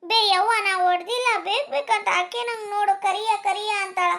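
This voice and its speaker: A woman's voice: extremely high pitch, brisk, bright, forceful tone, full character voice. A woman voicing a cheeky young boy in a cartoon, talking back sulkily with a North Karnataka accent. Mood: sulky defensive. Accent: North Karnataka Kannada. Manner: sulky, defensive backtalk.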